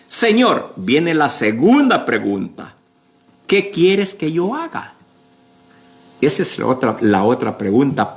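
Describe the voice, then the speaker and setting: A male pastor preaching a sermon slowly and emphatically, with many fillers and repeated words. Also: medium pitch, gravelly.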